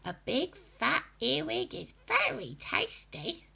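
A wicked old grandma hag for a storybook: husky, throaty whisper, slow, relishing menace. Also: female voice, wildly swooping pitch, bright, forceful tone, heavily acted. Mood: gloating. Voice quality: high, creaky, whispery and throaty. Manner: slow, gloating, relishing each word.

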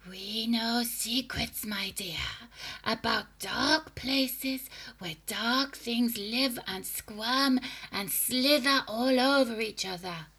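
A woman voicing a nasty old grandmother, a menacing witchlike hag with a high, creaky, whispery and throaty voice, who talks slowly and gloats over every word. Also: pushed and bright, exaggerated voice, rough recording. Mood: sinister whisper. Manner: slow, gloating, relishing each word.

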